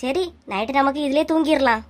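Woman playing a high breezy cartoon housewife, Kanyakumari accent, teasing, unbothered. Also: a little fast, natural voice. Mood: carefree. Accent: Kanyakumari Tamil. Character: carefree cheeky housewife who fancies herself a star. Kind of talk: cartoon comedy voice acting.

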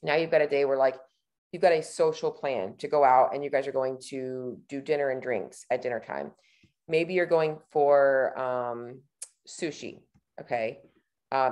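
Woman, 30s, low voice, casual coach, thinking aloud, webcam tutorial. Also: normal speed, a little mellow. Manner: casual, chatty, thinks aloud while clicking. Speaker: nutrition coach. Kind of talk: screen-share tutorial.

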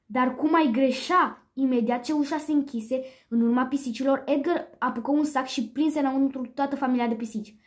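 A woman reads a children's storybook aloud, her voice sitting high. She keeps the telling lively, now and then stumbling over a word and correcting herself. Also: hardly any pauses. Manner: lively read-aloud with small slips.

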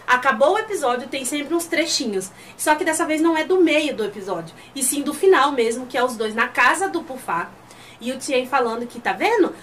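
A woman retelling a series episode in a casual, animated way, briefly acting out the characters' lines. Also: high voice, slight background noise. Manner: animated retelling, acting out dialogue in quick voices. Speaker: series reviewer.

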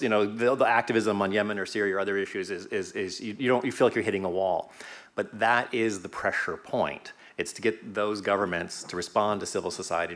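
Low-voiced male panelist in his fifties, measured, at a table mic in a conference room. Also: fairly bright tone. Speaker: panelist and legal advisor. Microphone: table microphone.

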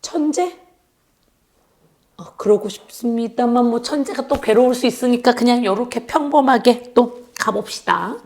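A woman's voice: on the high side, moderate pace, few pauses, a little mellow. A woman in her thirties who teaches young children, talking them through a paper craft in a playful, chatty, singsong way. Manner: playful, singsong, chatty, addresses kids directly.

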